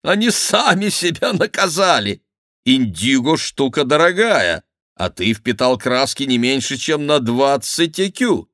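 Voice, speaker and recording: A man's voice: medium pitch, big pitch swings, measured pace, fairly bright tone, no echo, studio quality, pitched above the performer's own voice. A man voicing a young courtier who teases and mocks his friend. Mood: mocking. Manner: teasing, mocking. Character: mocking young male courtier, laughing.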